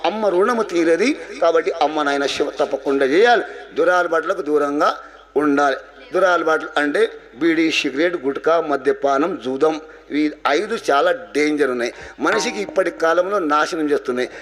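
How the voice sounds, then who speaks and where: High-voiced Telangana kirtan preacher. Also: male voice, normal speed, a bit bright. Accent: Telangana Telugu. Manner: earnest, exhorting, rhetorical questions. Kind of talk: devotional sermon with storytelling.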